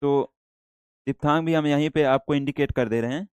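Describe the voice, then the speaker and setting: Indian guy teaching a shorthand lesson, slightly high voice, dry close sound, goes slow and repeats stuff. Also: darkish tone, clean tone, dry recording. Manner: explains slowly, repeats, mixes English words into Hindi. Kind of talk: classroom lecture.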